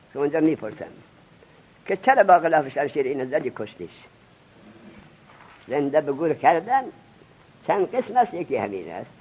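A male religious teacher giving a seminary grammar lesson, quizzing his students with rapid questions. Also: medium pitch, husky. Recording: dull lo-fi recording.

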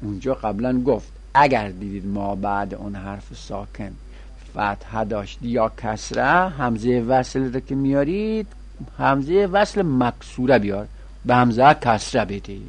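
A man leads a grammar lesson with a husky, slightly breathy voice. He chants long lists of verb forms in a sing-song rhythm, then explains the rules in plain talk. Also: mid-range voice. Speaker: teacher. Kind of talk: Arabic grammar lesson, conjugation drills.

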